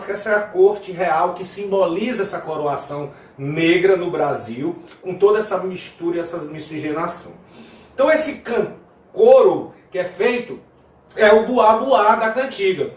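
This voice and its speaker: High-voiced man teaching folk songs. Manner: sings folk verses with tambourine, then explains in a loose chatty way. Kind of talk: video lesson, singing and explaining. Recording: roomy, mic at a distance. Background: tambourine playing.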